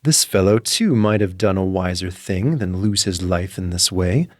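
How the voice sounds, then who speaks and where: A man's voice: deep voice, expressive, normal speed, no room sound, clean studio sound. A man voicing a haughty, dismissive young princess, the confident eldest sister in a fairy tale. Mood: scornful.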